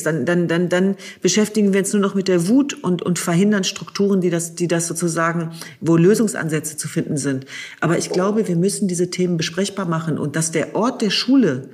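Husky, impassioned speaker in a discussion. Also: medium pitch. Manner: emphatic, urgent, repeats phrases for stress. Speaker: discussion partner. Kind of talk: impassioned conversation.

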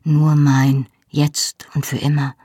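A man voicing a possessive, commanding Highland husband in an audiobook, speaking low, urgent and slow. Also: completely flat delivery, warm tone, slightly rough, dry recording, clean studio sound.

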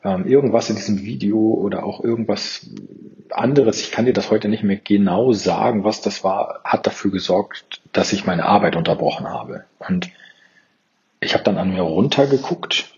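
A man with a fairly low voice talks to his listener like a coach, in a personal, reflective way, and often restarts his sentences. The recording is dull and muffled. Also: moderate pace, darkish tone. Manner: personal, addresses the listener directly, restarts and repeats words. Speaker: purpose coach and podcast host. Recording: dull lo-fi sound.

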